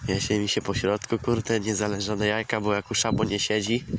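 A man's voice: on the low side, little pitch movement, normal speed. A man vlogging casually in his farmyard, chatting to viewers and coaxing and scolding his chickens, swearing now and then. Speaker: poultry keeper vlogger. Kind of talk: casual outdoor vlog. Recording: outdoor camera audio, clear farmyard noise. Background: clucking hens and a crowing rooster.

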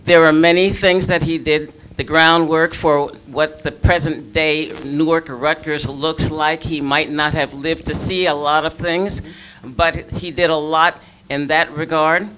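A woman's voice: sits low, steady tone, unhurried, fairly bright tone, a little hiss or hum, rough recording. A woman in the audience makes an earnest, emphatic comment to a panel.

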